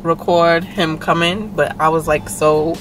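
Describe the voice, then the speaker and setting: A woman's voice: low-pitched, steady tone, measured pace, over music, poor audio. Chatty young woman vlogging from a car. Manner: chatty, rambling, laughing often. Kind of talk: casual chat. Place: parked car at a drive-in.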